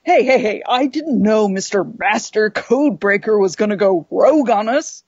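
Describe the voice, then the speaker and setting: A woman's voice: mid-range voice, lively intonation, moderate pace, darkish tone, husky, dry recording, highs cut off. A woman playing a tipsy, indignant, stammering hotshot in an improvised comic role-play, making excuses. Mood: indignant, defensive. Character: boozy, defensive, evasive male hotshot pilot and his exasperated princess.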